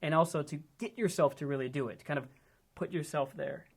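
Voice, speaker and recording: A man's voice: a little high, a little fast, gravelly, breathy edge. A man from Ohio hosting a casual chat with friends, upbeat and loose in his talk. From United States, Ohio. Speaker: host. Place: indoors with friends.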